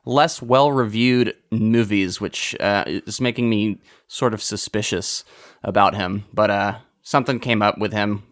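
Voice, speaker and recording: Relaxed man hosting a podcast. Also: fairly low pitch, a little slow. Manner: relaxed, rambling, chuckles often. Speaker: podcast host. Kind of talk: casual podcast chat.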